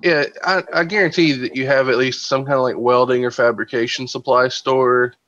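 A man's voice: mid-range voice, steady tone, normal speed, a bit bright, no echo. Man chatting, dull dry call audio. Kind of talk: casual chat. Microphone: video call.

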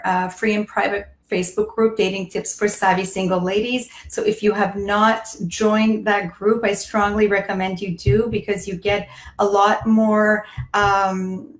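A woman who's hoarse from laryngitis hosts a live dating-advice stream as its dating coach, talking to viewers in a chatty way full of fillers and restarts. Her medium-pitched voice is flat and moderately paced. The low-quality recording has an echoey room sound.

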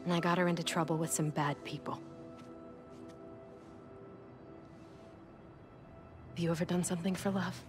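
A woman's voice: on the low side, steady tone, rapid-fire, close to an everyday voice. A young woman with an American accent playing a sly, defiant, sardonic cat burglar in a video game. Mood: guarded, low. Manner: sardonic, cool. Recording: loud game music over dialogue.

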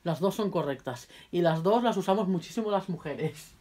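A woman giving a casual video lesson, repeating phrases carefully for viewers and chatting in quick asides while she handles her cards. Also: fairly low pitch, expressive, mellow, slight background noise. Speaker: language teacher.

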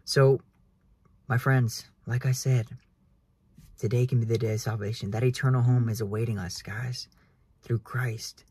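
A man's voice: medium pitch, steady tone, moderate pace, pauses often, a little mellow, husky, no echo. A young man talking earnestly about faith to his phone camera from inside a car, preachy and repeating "guys". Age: young adult. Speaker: realtor vlogger. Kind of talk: casual faith talk to camera. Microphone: phone at arm's length.

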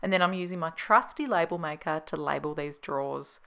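A home organisation vlogger in her thirties with an Australian accent narrates a casual cleaning vlog, chatting and explaining as she goes. Her low-pitched voice is creaky, pushed and bright, and she talks a little fast.

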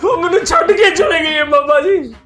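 A man's voice: very high voice, moderate pace, faint music behind. A man with a Pakistani Punjabi accent playing a wailing heartbroken visitor in a comedy sketch. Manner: loud, wailing complaint.

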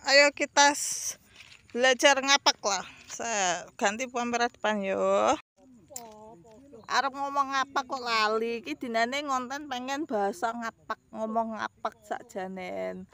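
Out by the rice fields, a vlogger in her thirties with a Javanese ngapak accent holds her phone at arm's length and rambles casually to viewers, calling them guys. Her voice is on the high side, bright and forceful, at a measured pace.

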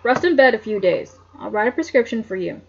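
A woman's voice: fairly high pitch, animated, brisk, gravelly, slightly rough, muffled recording, full character voice. A woman reading the lines of an earnest middle-aged male doctor in a mystery novel.

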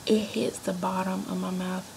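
A young woman chats to her camera in a loose, rambling way while her fingers rest on her upper lip. Her voice has a gravelly fry and stays fairly level in pitch. A faint hiss of noise sits under the recording. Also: flat delivery, normal speed, a little mellow. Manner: rambling, lots of filler words and restarts. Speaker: vlogger. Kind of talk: casual chat to camera.

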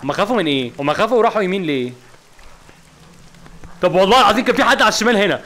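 Very animated, pushed and bright, the high-pitched voice of an Egyptian gaming host races through his let's play. He jumps at things, cries out in fright, and asks again and again what is happening.

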